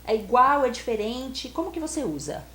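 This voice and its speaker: A woman teaching English in a relaxed chat, her pitch bright and high with wide, animated swings. She quizzes her partner warmly and brightly. The sound carries noticeable room echo with faint hiss behind. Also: moderate pace. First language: Portuguese. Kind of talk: casual bilingual lesson chat. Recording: echoey room, faint noise.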